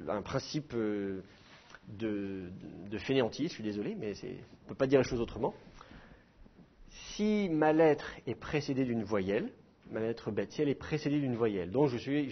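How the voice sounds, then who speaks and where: Lively male teacher, husky voice. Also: medium pitch, highs cut off. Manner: lively, explains with sounds and self-mocking humor. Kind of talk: classroom lecture.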